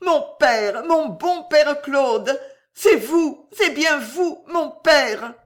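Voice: slow pace, fairly bright tone. Violetta, a reader playing a tearful young girl. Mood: tearful joy. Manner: cries out high and tearful. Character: young girl, gentle and timid daughter.

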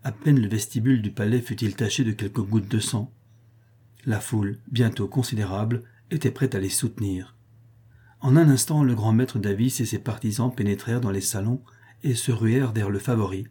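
Husky-voiced man narrating history. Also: on the low side, warm tone. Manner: measured, rising for dramatic passages.

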